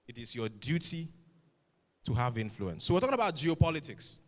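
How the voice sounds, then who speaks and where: A man's voice: medium pitch, sing-song, brisk, in a large hall. A middle-aged man giving an emphatic motivational address to students, full of rhetorical questions. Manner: emphatic, rhetorical questions, swings loud and soft. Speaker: motivational speaker.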